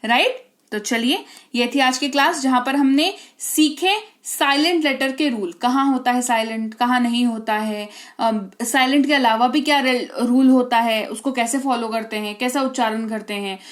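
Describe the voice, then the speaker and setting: A woman's voice: on the high side, moderate pace. A woman English teacher explaining spelling and pronunciation rules step by step, often checking with "okay?". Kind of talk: explaining phonics lesson.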